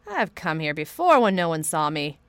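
A woman's voice: deep voice, big pitch swings, normal speed, a bit bright, no echo. A woman voicing a crabbed old male gardener in broad Yorkshire dialect, dry and blunt, as she reads a storybook aloud.

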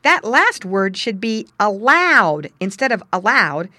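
A woman's voice: medium pitch, very animated, slow, pushed and bright, dry recording, heavily acted. A woman voicing a clever male fox in a storybook, explaining things in a confident, knowing manner. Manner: explanatory, assured.

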